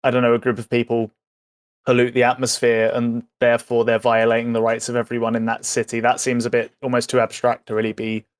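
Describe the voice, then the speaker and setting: A man's voice: mid-range voice, completely flat delivery, quick pace, clean tone. A man chatting through a casual debate in a tentative way, hedging his points as he thinks aloud.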